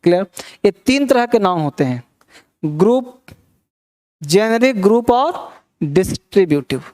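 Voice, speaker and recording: A middle-aged man teaching English grammar in a classroom, who keeps asking quick questions and mixes in English terms. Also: sits high, very animated, a little mellow. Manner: coaxing, asks many quick questions. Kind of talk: classroom lecture.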